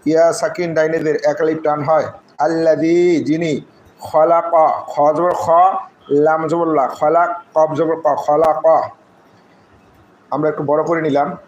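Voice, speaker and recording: A man teaching Quran recitation, spelling the Arabic syllable by syllable in a slow, drawn-out way and reciting short verse phrases. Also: on the high side, little pitch movement, darkish tone, a little hiss or hum, rough recording. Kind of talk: spelling out and reciting Arabic letter by letter in a live class.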